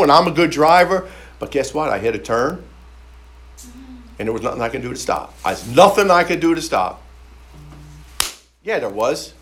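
A man preaching through a personal story, repeating phrases for emphasis and stumbling over restarts. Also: mid-range voice. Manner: frequent stammered restarts. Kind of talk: storytelling sermon.

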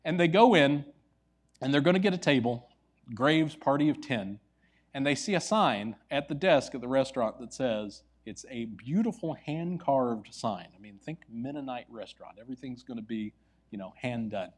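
A male preacher telling a story from the pulpit in an ordinary, mid-pitched voice. He swings between loud, pressing stretches and hushed, quiet moments. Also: expressive, moderate pace, husky. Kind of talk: sermon storytelling.

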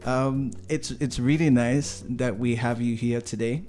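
A man hosting a casual podcast interview, talking in a relaxed way with fillers and quick affirmations. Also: medium pitch. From Africa. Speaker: podcast host.

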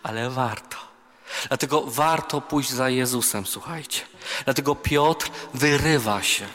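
A man's voice: medium pitch, unhurried, fairly bright tone. A man, a priest, giving a conversational youth retreat sermon, mixing scripture with self-deprecating personal stories in a large chapel hall. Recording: reverberant hall with faint music.

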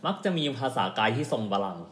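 A man's voice: mid-range voice, very animated, fast, a bit bright, echoey room. A man co-hosting a podcast in casual chat, talking in a blunt, teasing way. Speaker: podcast co-host.

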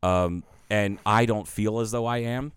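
A man in casual conversation, telling stories in a lively, profane way. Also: lowish voice, unhurried, smooth, no echo, studio quality. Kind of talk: casual chat.

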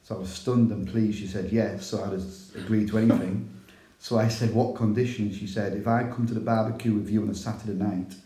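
A man's voice: on the low side, fairly even intonation, a little fast, hardly any pauses, warm tone, reverberant, rough recording. A middle-aged man with a Northern English accent, a church elder telling his story in a casual interview, chatty and self-deprecating.

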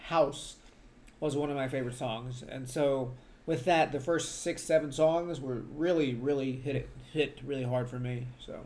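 A man's voice: mid-range voice, fairly even intonation, moderate pace, darkish tone. A young man in casual chat as a podcast co-host, tipsy after a few beers, blunt and swearing casually, with lots of "like".

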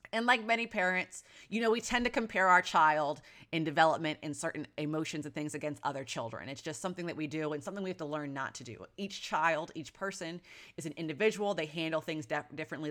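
A woman's voice: low-pitched, sharp tone. A woman in her thirties, a mother telling a personal story in a casual, earnest and reflective way, often restarting her sentences. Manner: earnest, reflective, with frequent restarts and "you know". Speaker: mother sharing parenting experience.

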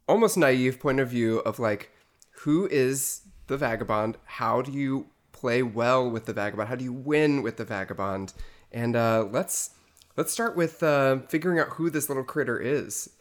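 Woman co-host on a game podcast, super deep voice, chatty and joking. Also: a little slow. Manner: chatty, playful. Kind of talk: casual game-talk podcast.

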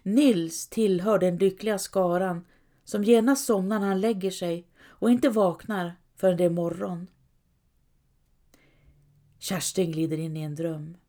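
A woman narrating a novel excerpt in a calm, measured reading. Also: fairly low pitch. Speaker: audiobook narrator. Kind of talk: scripted narration.

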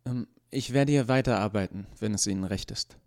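A man's voice: on the low side, brisk, darkish tone, natural voice. A man reading as a tense, overworked male lab scientist who speaks nervously. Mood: uneasy.

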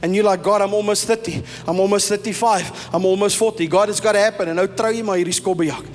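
Pastor, South African man, high voice, emphatic preaching, long hall echo with soft music behind. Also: fairly even intonation, quick pace. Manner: emphatic preaching, mixing in Afrikaans phrases. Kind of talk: sermon.

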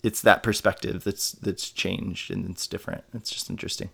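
A man with a very low, gravelly voice hosts a podcast. His talk is casual and rambling, full of restarts and friendly filler. He sounds relaxed and conversational. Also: normal speed. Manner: chatty, rambling with many restarts. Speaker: podcast host. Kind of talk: casual interview chat.

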